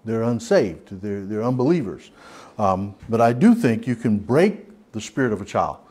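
A man's voice: lowish voice, very animated, moderate pace, darkish tone, husky. A man with a Southern US accent leading a church Bible study, talking in a folksy, rambling way with many restarts and fillers. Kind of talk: informal Bible study teaching. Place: church hall.

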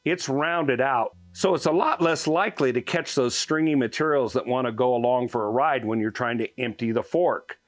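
A man's voice: medium pitch, moderate pace, few pauses, no room sound. A man in his sixties, a channel host, giving a folksy, hands-on product review in a workshop and out in a farm yard. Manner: folksy, explanatory, hands-on demonstrating. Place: garage workshop, then outdoors on a farm yard.

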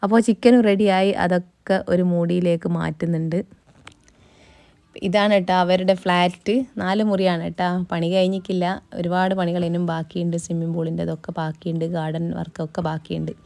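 A woman's voice: on the low side, little pitch movement, fairly quick, vocal fry, mellow, dry recording. A young woman narrating her travel vlog in a casual voice-over, chatty and tagging little words onto her sentences. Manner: chatty, tag words at line ends. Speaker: travel vlogger.

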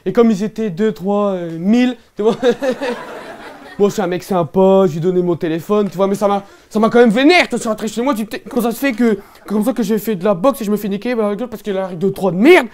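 A man's voice: sits high, a little fast, darkish tone, close to an everyday voice. A man with a Northern French ch'ti accent playing a boorish young lout in a one-man stand-up show, rambling and slangy with lots of fillers. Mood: brash boastful. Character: boorish young ch'ti man, brash, absurd, loud-mouthed. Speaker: stand-up comedian in character.

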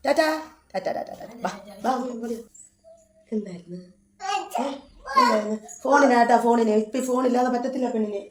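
A woman's voice: on the high side, fairly quick, pauses often, very noisy. A woman filming a casual family vlog at home, talking to the viewers and coaxing her small child in a sing-song way. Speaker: vlogger and mother.

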